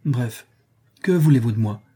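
A man's voice: mid-range voice, lively intonation, measured pace, warm tone, slightly rough. A man voicing a wary, calculating male heir who questions firmly, in a story reading.

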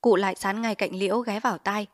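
A woman narrating a dramatized novel reading, acting out each character in a lively way. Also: medium pitch, brisk, dry recording, studio quality. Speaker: audiobook narrator.

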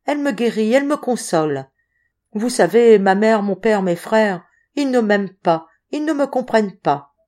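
Lectrice jouant un jeune marin fiévreux et ivre, amoureux, suppliant, voix chaude. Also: female voice, medium pitch, dark tone. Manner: breathless, pleading, effusive. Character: feverish drunk lovestruck young male sailor.

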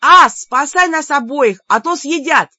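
A woman voicing a feisty young heroine who yells and shrieks her lines in an audiobook. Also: high-pitched, expressive, unhurried, no room sound, muffled recording, voice pushed up, exaggerated voice. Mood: panicked. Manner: shrieking, loud exclamations. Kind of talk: audiobook character voice.

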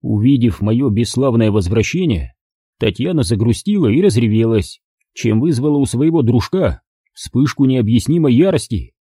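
Male audiobook reader; wry, lively first-person delivery, mellow and husky. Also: mid-range voice, moderate pace, no echo, studio quality. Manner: wry, animated storytelling. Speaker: audiobook narrator. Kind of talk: scripted first-person narration.

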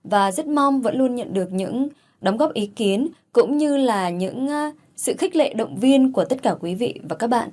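A woman's voice: a little high, lively intonation, measured pace, darkish tone. A woman host giving a polite, formal introduction to an audiobook episode and thanking listeners. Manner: polite, grateful address to listeners.

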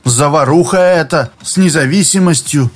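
A man's voice: a little high, moderate pace, natural voice. A man reading a novel aloud, voicing a sullen, cowardly young man who mumbles his replies. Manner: mumbling, sulky.

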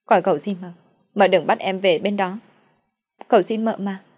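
A woman's voice: mid-range voice, steady tone, moderate pace, a little mellow, lightly acted. Frightened young servant girl, read by a woman. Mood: pleading, afraid. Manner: pleading.

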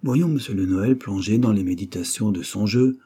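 A man reading a novel aloud in scripted narration, measured and even. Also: lowish voice, breathy edge. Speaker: audiobook reader.

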